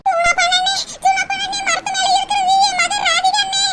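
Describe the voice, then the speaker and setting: A performer voicing a loud, anxious mother in a cartoon, shouting and calling out. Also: extremely high pitch, level tone, brisk. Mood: pleading. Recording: loud background hiss.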